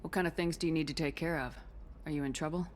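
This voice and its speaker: Woman as female space commander in a video game, deep voice, direct and composed, bit of noise behind. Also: steady tone, fast, close to an everyday voice. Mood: concerned, direct. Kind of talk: video game dialogue acting.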